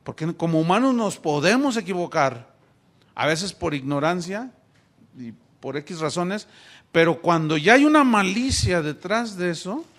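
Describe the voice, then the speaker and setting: A man's voice: sits high, animated, measured pace, fairly bright tone. A middle-aged pastor from Mexico preaching a sermon, asking his congregation rhetorical questions.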